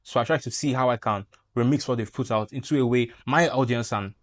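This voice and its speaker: This young YouTuber with a Nigerian accent walks viewers through a tutorial at a brisk clip, playful and animated, tossing in jokes as he speaks directly to camera. His pitch is medium and the audio has no echo.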